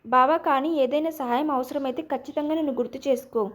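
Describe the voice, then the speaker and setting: A woman voicing a fond, gentle young cousin. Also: high-pitched, steady tone, quick pace, lightly acted.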